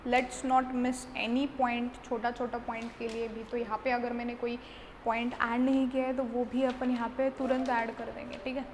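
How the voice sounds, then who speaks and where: A woman tutor with an Indian accent giving an exam-prep lecture, dictating notes slowly, repeating points and answering her own questions. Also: a little high, level tone, in a large hall, slight background noise. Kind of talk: online lecture mixing Hindi and English.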